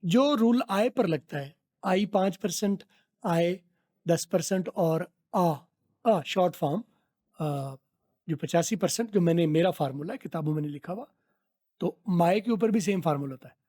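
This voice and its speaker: A middle-aged man from Pakistan teaching spoken English, repeating phrases slowly to drill pronunciation. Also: high-pitched, warm tone.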